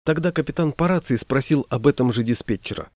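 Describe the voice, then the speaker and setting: A man narrating an audiobook in a measured storytelling manner. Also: mid-range voice, a little mellow, no echo, clean studio sound.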